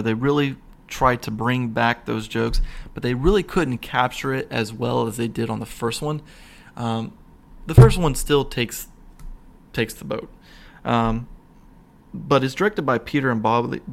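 This podcast host speaks at medium pitch with vocal fry, casually chatting about comedy films. His talk wanders, full of fillers and false starts, and he laughs his way through retelling scenes.

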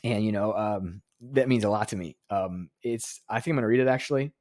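A man's voice: fairly low pitch, a little fast, a little mellow, no echo, clean studio sound. A man hosting a podcast, talking in a casual monologue that turns earnest and emotional, with some sarcastic joking. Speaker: podcast host.

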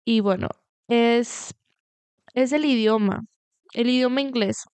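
A woman's voice: a little high, takes it slowly, darkish tone, smooth, dry recording. A young woman in her twenties, raised in the US after moving there at twelve, telling a personal story in a candid, rambling way. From Latin America, moved to the US at twelve. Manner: candid, rambling, with restarts and "bla, bla, bla". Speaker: podcast host. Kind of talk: personal confessional monologue.

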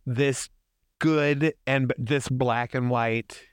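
A man's voice: fairly even intonation, slow, smooth, no room sound, clean studio sound. A man co-hosting a casual film podcast, chatty and full of fillers. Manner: wide-swinging pitch, chatty with fillers. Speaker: podcast co-host.

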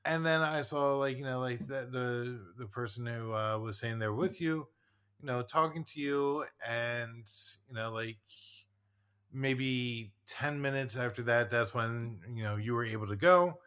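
A man's voice: mid-range voice, unhurried, fairly bright tone, smooth. A man in his forties co-hosting a podcast, talking in a rambling, casual way full of fillers. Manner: rambling, many fillers and restarts. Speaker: podcast co-host, therapist. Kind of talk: casual chat.

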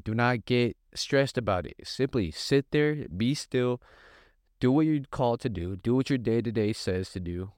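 A man's voice: lowish voice, no room sound, clean studio sound. A man hosting a podcast, giving a casual, earnest faith talk that builds through repeated phrases in a conversational preaching manner. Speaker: podcast host.

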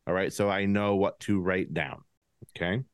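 A man's voice: sits low, steady tone, moderate pace, smooth, dry recording, studio quality. A man with a lisp hosting a casual podcast game, laughing often as he runs the draft.

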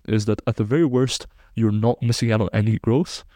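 A man's voice: lowish voice, steady tone, fairly quick, dark tone, no echo, clean studio sound. A man in his twenties from Belgium, a sports science researcher, explaining studies precisely and technically as a podcast guest. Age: 20s.

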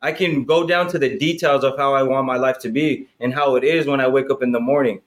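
A man's voice: medium pitch, steady tone, brisk. A man in his thirties talking in a casual chat, profane and hyped, filling his talk with "bro" and "right?". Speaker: podcast guest.

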